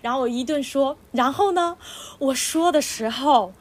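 A young woman with a high, light voice chats casually on a podcast. She tells her stories with animation, jumping into the voices of the people she quotes. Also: moderate pace. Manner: animated storytelling, acts out quoted exclamations. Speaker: podcast co-host. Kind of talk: casual chat.

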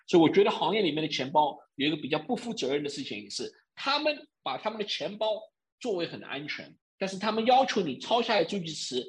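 Male expert guest, non-native Mandarin with foreign accent. Higher-set, swooping intonation, didactic, unscripted, keeps checking the listener follows. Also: a bit bright. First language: not a native Mandarin speaker. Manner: didactic, with frequent check-in tags. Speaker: interview guest, crypto wallet expert. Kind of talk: spontaneous explanatory talk.

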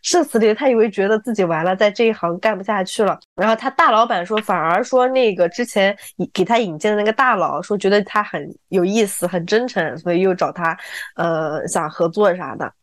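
A married woman co-hosting a podcast, telling stories in casual chat and repeating her words when she gets excited. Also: medium pitch, brisk, dry recording. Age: adult, married. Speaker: podcast co-host.

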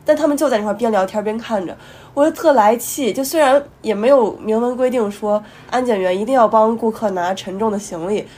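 Quick young woman with a cold. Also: fairly high pitch, slightly rough. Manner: animated storytelling with outraged retorts. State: has a cold. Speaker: podcast co-host. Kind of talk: casual chat.

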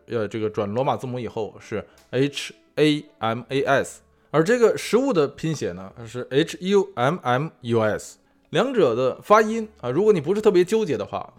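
Male food-show host, animated pitch, chatty explainer full of asides. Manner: chatty, many fillers and rhetorical asides. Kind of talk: casual explainer monologue. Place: lives in California.

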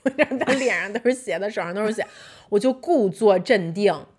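A podcast co-host in her thirties tells a personal story in casual conversation, mixing in English words. She's animated and laughs a lot, with a medium-pitched, slightly rough voice and a brisk pace.

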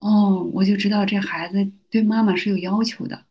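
A middle-aged woman, a university teacher, telling personal stories as a guest on a podcast, in a soft-spoken, reflective way with many small restarts. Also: medium pitch, steady tone, moderate pace, husky. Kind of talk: conversational storytelling.

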